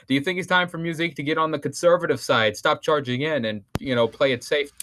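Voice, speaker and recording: A man doing excitable, rambling play-by-play commentary on a fan-league boxing match. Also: fairly high pitch, fast talker, a little hiss or hum. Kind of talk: esports-style match commentary.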